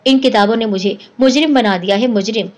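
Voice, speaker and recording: A woman's voice: on the high side, darkish tone, dull audio, close to an everyday voice. A woman voicing a panicked, distraught young man who pleads in frantic outbursts.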